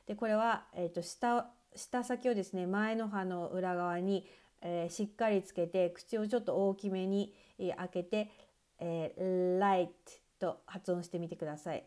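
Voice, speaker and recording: A woman teaching English pronunciation in a patient online lesson, explaining slowly with many filler pauses. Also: lowish voice, steady tone, mellow, clear, resonant tone.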